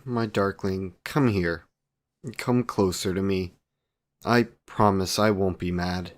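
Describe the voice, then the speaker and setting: A man with a low voice speaks slowly as a courtly, youthful 128-year-old vampire boyfriend in a romantic audio roleplay. Tender and doting, he uses archaic, formal phrasing and affectionate endearments.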